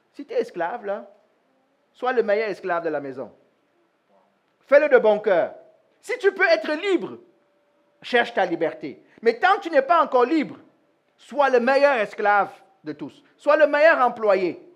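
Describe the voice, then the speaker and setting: Animated high-voiced preacher questioning his flock. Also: unhurried, long pauses. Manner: animated, asks the congregation questions; acts out little dialogues in voices. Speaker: pastor. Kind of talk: sermon. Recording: live church sermon.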